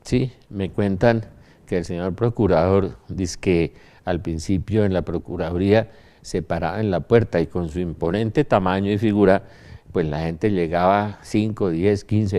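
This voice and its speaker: This religious speaker, an older man with a Colombian accent, delivers a casual, anecdote-filled talk with emphatic flair and plenty of rhetorical questions. He speaks at a moderate pace in a low, warm voice.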